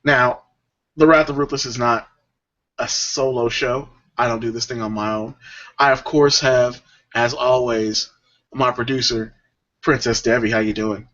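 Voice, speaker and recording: A man hosts a podcast, telling stories in a laid-back, rambling way with lots of fillers. His voice is medium-pitched and a bit bright, with fairly even intonation and a somewhat slow pace, and the audio is dull and lo-fi.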